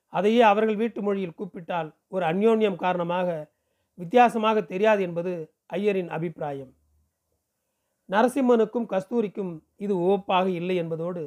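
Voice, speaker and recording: A man from Pondicherry reading a novel aloud in a steady storytelling delivery. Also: high-pitched. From Pondicherry, India. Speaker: audiobook reader.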